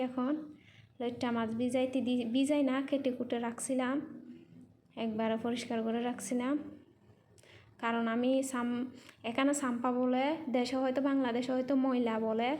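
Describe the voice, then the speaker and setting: Fairly quick and fairly high-pitched, with little pitch movement and a slightly mellow quality, she narrates her casual vlog amid slight background noise. She is a mother living in Malaysia whose Bengali is non-native and Chittagong-accented, and she keeps rephrasing in simple terms.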